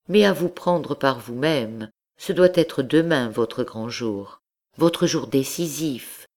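Femme lisant un doux prêtre fatigué. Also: female voice, low-pitched, a little mellow, heavily acted. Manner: patient, reasoning, formal. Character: gentle, tired male priest-confessor.

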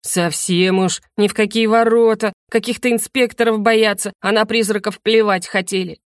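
A woman's voice: on the high side, very animated, normal speed, dry recording, clean studio sound. A woman putting on a brash ghost girl. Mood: grumbling, mocking. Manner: mocking, drawling, theatrically plaintive. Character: cheeky nosy ghost girl, brash and theatrical.

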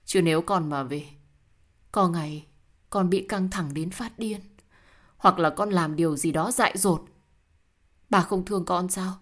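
A woman's voice: on the low side, unhurried, long pauses. Desperate young wife pleading, read by a woman. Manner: pleading, indignant.

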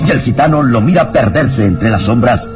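Dramatic music plays beneath a man narrating a radio horror adventure serial, his delivery grave, theatrical and foreboding. He has a mid-range voice close to everyday speech, expressive and at normal speed, and the feel is ominous and suspenseful.

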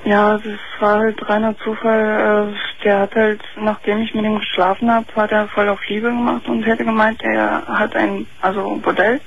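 A woman's voice: medium pitch, level tone, normal speed, gravelly, few pauses, husky. A woman in her twenties calling in to a radio talk show over the telephone. She speaks hesitantly, with many fillers. Her voice comes through faint and thin. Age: 20s. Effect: faint, thin phone-line sound. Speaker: caller. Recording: muffled phone line with faint hiss.

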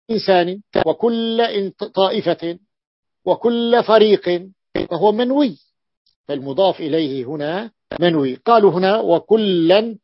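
Guy teaching a grammar class, kinda high voice, says words over slow, lo-fi dry sound. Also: no echo. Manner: repeats words slowly to stress them. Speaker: sheikh teaching Arabic grammar. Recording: dull lo-fi dry recording.

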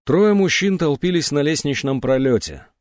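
Expressive male audiobook narrator. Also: a little high, moderate pace, no room sound, studio quality. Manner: expressive, dramatic reading. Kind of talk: scripted narration.

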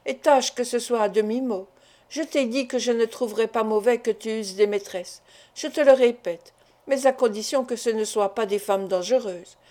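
A woman reading a blunt, irritable older father in an audiobook, lecturing his grown son in a familiar, worldly way. The voice sits a little high, with a warm, mellow tone. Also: close to an everyday voice. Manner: scolding, then coaxing and familiar.

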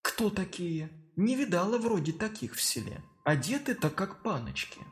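A cunning witch woman coaxes in a soft, sweet voice, as a male narrator puts her on. Her voice sits a little high. She is part of a spoken horror story. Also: sing-song, a little slow, slightly rough, full character voice. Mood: scheming. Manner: soft, coaxing, hushed. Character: sly young-looking witch woman, cunning and weary.

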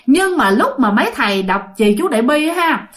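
A woman's voice: sits high, sing-song, a little fast. A woman telling ghost stories, chatty, with many fillers and often addressing the listeners. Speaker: storyteller. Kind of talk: ghost story narration.

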